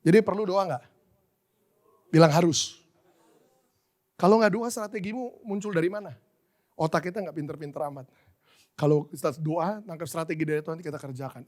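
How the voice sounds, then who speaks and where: Brief: male preacher in his 40s, high-pitched, emphatic and rhetorical, drops in English. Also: fairly quick, pauses often, a little mellow. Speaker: guest preacher. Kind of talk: sermon.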